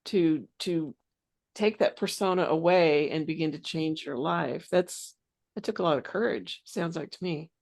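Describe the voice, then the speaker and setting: A woman co-host with a lowish voice asks her guest gentle questions. She rephrases her words with care and speaks in a supportive way. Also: a little slow, creaky. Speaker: interview co-host. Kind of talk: interview conversation.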